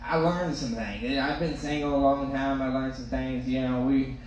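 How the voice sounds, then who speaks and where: A man's voice: mid-range voice, steady tone, normal speed. A man doing stand-up comedy storytelling, with toothless, slightly slurred articulation and an informal, self-deprecating, rambling delivery. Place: live comedy stage in a reverberant room. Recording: echoey room, loud background noise.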